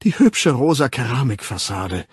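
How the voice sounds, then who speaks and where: A man reading an audiobook voices a distraught, tearful middle-aged woman who pleads, whines and breaks into husky whispers. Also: medium pitch, very animated, moderate pace, dry recording, studio quality. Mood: pleading, tearful.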